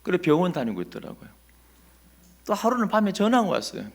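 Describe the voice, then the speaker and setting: A male pastor, preaching a Sunday sermon as an animated storyteller who asks the congregation questions. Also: sits high, brisk, creaky.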